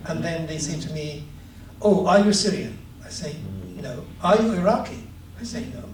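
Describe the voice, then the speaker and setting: Speaking about his book, an author from Palestine reflects and tells stories at a moderate pace, in a voice pitched slightly high for a man. He hesitates and says "um" a lot, then livens up during his anecdotes. The recording comes from a distant mic in an echoey room, with light background hiss.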